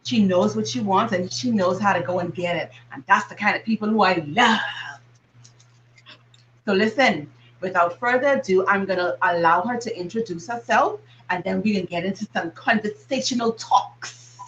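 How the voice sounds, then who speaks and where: Hosting a live stream, a Bahamian woman chats effusively and exuberantly, calling her audience darlings and y'all. Her voice is medium-pitched, slightly bright, and at a normal speed, with lo-fi sound and faint hiss or hum.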